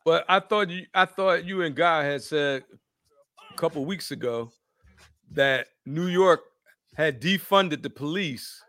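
A man's voice: a little high, measured pace, pushed and bright, dry recording, studio quality. A man co-hosting a casual talk show, skeptical and pushing back with pointed questions. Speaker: co-host.

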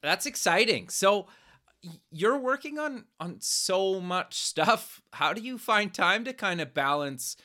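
A man hosting a podcast interview, friendly and affirming, chatting casually with relaxed slang. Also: high-pitched, slow pace. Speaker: podcast host.

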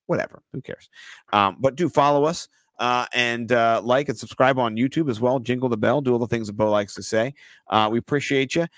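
A man co-hosting a fantasy football podcast in casual chat, laughing often and turning animated when amused. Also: mid-range voice, fairly quick, dry recording. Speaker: podcast co-host.

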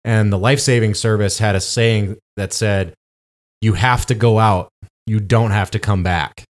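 A man's voice: lowish voice, steady tone, moderate pace. A man, co-hosting a podcast and telling a travel story in casual chat, with lots of fillers. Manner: rambling storytelling with many fillers. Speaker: podcast co-host.

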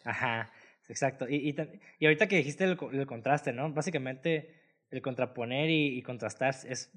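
A man's voice: mid-range voice, moderate pace, fairly bright tone. A man with a Mexican accent co-hosts a casual film review chat. He talks in a laid-back, slangy way full of filler words. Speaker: podcast co-host.

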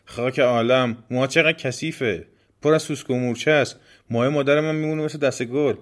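A man voicing a spoiled, rude young girl in a folk tale, shouting and scornful. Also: mid-range voice, steady tone, pitched above the performer's own voice, close to an everyday voice. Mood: disgusted.

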